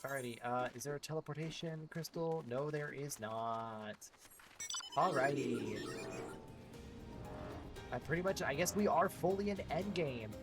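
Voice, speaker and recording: Excitable male streamer, higher-pitched, casual gameplay chatter. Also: a little slow, pauses often, music in the background. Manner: excitable, swears and cheers at the game. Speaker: game streamer.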